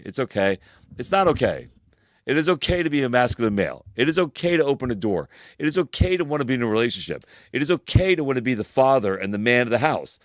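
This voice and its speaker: A man's voice: dry recording, studio quality. A man, co-hosting a casual podcast chat and speaking emphatically, with heavy swearing and a preachy tone. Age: 40s. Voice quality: deep voice. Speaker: podcast co-host.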